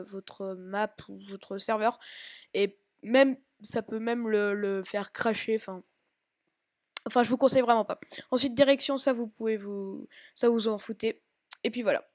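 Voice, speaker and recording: A woman talking casually through a game tutorial on her own microphone, halting and correcting herself as she explains. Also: mid-range voice, no echo, studio quality. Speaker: Minecraft tutorial maker. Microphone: own home microphone.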